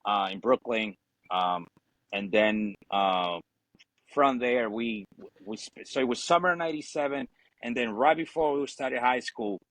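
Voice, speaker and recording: A man's voice: mid-range voice, measured pace, a bit bright, poor audio. A man in his forties from Ecuador, a Spanish speaker and Marine veteran, chatting casually as a podcast guest with lots of fillers and some swearing. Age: 40s. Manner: easygoing, swears, leans on fillers. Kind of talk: casual chat.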